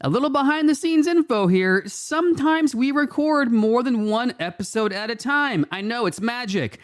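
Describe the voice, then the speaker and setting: A man's voice: very high voice, expressive, moderate pace, no room sound. A man hosting a board game podcast, reading intros and riddles in a playful, theatrical way. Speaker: podcast host.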